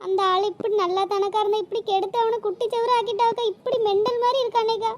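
A grieving young cartoon mother, voiced by a woman pours out her sorrow. The voice is piercingly high and squeaky, and the words tumble out quickly. A faint background hum sits under it. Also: steady tone. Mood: tearful lament. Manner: pleading, lamenting. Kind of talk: cartoon voice acting.

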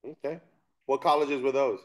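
A man's voice: mid-range voice, fairly even intonation, normal speed. A middle-aged man hosting an interview show over a video call, asking friendly, conversational questions. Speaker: show host. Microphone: webcam on video call.

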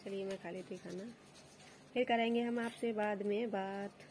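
Woman, home vlog, casual chat, talks to viewers, middle pitch, faint noise. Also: steady tone, normal speed, a little mellow. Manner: chatty, talks to viewers and her child. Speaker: vlogger.

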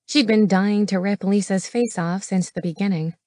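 A woman's voice: medium pitch, fairly even intonation, normal speed, a little mellow, no echo. Woman narrating an audiobook, dry and close. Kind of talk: scripted narration. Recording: dry studio voice.

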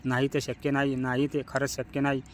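A man reading a devoted young wife, pleading and insistent, narrow pitch, storybook voice. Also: monotone, brisk, slight background noise, lightly acted. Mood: upset.

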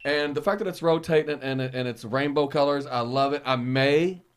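A man appearing as a guest on a podcast, gushing excitably and joking crudely in casual chat. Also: medium pitch, a little fast, clean tone.

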